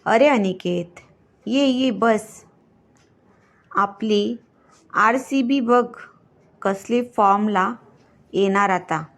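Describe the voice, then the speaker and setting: Brief: a scheming young man, read by a woman narrator, teasing and slow. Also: mid-range voice. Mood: coaxing. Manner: coaxing, teasing banter.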